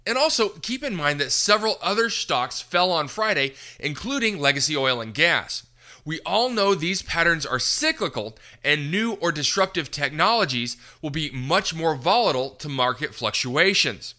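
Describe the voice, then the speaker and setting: This podcast host delivers scripted news commentary at a normal speed in a polished, emphatic way. His voice is very bright and punchy, pitched fairly high, with lively swings.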